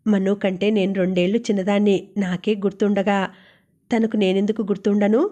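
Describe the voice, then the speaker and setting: A woman voicing a gentle, wistful young working woman talking with her roommate and father. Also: medium pitch, little pitch movement, fairly quick, natural voice.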